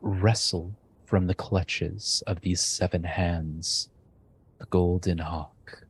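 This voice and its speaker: A man's voice: sits low, fairly even intonation, a little hiss or hum. A man doing a grave blind shaman. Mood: solemn. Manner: slow, grave, measured delivery.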